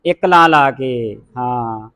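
A man's voice: mid-range voice, slow, sharp tone. A man with a Punjabi accent teaching a class how to pronounce scripture words, sounding out letters and having the group repeat them. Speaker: Gurbani pronunciation teacher. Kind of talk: classroom recitation lesson.

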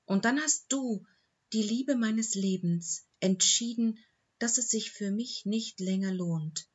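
A woman voicing a gentle, loyal old dog. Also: mid-range voice, slow, breathy edge, lo-fi sound. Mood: reproachful. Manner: calm, soothing, matter-of-fact. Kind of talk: audiobook reading.

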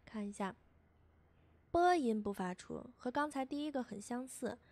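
A woman teacher narrates a beginner lesson with a somewhat high voice. She repeats each syllable slowly and patiently so learners can follow. The recording is dry and close, with no room sound. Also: expressive, darkish tone, no room sound. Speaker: language teacher. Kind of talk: scripted lesson voice-over.

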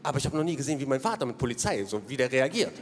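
A man doing stand-up storytelling on a comedy stage, animated and bursting into shouts. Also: medium pitch, rapid-fire. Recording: live stage with hall reverb and audience.

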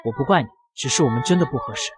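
A man's voice: medium pitch, animated, very fast, music in the background, pitched below the performer's own voice, lightly acted. Shy, stubborn young bride, read by a man. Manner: shy, pouting.

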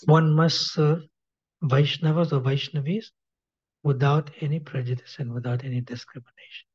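A man's voice: a little high, fairly even intonation, normal speed, a little mellow, breathy edge. A man, a swami, giving a devotional lecture, repeating key phrases and checking with his audience. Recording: dull lo-fi recording.

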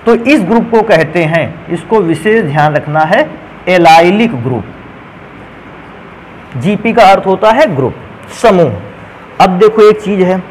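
Male chemistry teacher, high pitch, patient step-by-step board explanations, light background noise. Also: poor audio. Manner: explains step by step, calls students "beta". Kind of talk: whiteboard lesson.

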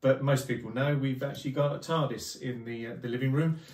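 A man's voice: medium pitch, steady tone, a little fast, darkish tone. Casting: a jokey, rambling man hosting a home video, heard from a distance in a roomy space. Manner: jokey, rambling with many fillers. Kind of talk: casual chat to camera. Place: living room at home. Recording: roomy echo, mic at a distance.

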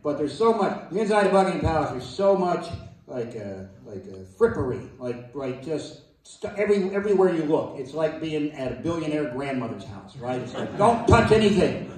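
A middle-aged American man delivers a stand-up set in a dry, sardonic, foul-mouthed manner. His voice sits slightly high, and it is picked up from some distance. The venue around him rings with heavy echo. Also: moderate pace. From United States. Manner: deadpan, sardonic, profane rants. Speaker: stand-up comedian. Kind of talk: stand-up comedy routine. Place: live comedy venue with audience laughter. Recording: echoey distant venue recording.

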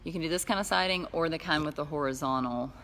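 Talking fast in a low, slightly bright voice, a middle-aged builder gives a relaxed, laughter-filled tour of her tiny homes, guiding viewers across the outdoor lot and into the houses. A little background noise can be heard.

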